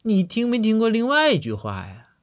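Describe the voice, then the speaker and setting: A man's voice: high voice, wildly swooping pitch, moderate pace, pitched above the performer's own voice. A man voicing a sardonic older adviser who mocks with scorn. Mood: mocking. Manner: mocking and scornful.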